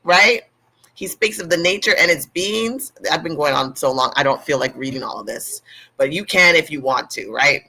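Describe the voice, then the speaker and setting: Brief: male host, fairly high and bright voice, reads scripture and mocks it in casual, profane asides. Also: moderate pace, low-quality recording. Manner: irreverent, sarcastic, cursing. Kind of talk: reading and commenting on scripture.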